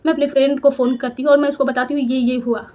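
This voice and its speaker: A woman's voice: sits high, level tone, quick pace, dark tone. A young woman telling a personal story in an emotional, confessional, self-reproaching way. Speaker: storyteller vlogger.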